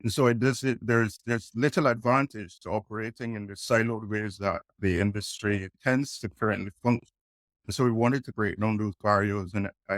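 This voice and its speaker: A man from Barbados, a consultant, speaking as a podcast guest in a measured, thoughtful way. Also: fairly low pitch, fairly bright tone, dry recording. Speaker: air transport consultant.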